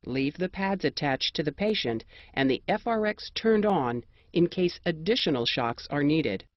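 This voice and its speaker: An American narrator reading scripted instructions in a measured, precise and formal manner. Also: mid-range voice, animated, no room sound, lo-fi sound.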